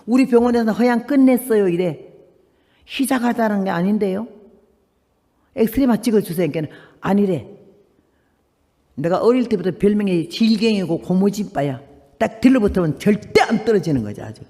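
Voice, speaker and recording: A woman in her eighties, a missionary preacher, giving a lively testimony sermon and acting out the people in her story with big jumps in pitch and loudness. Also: normal speed, pauses often, long reverb tail. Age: 80s.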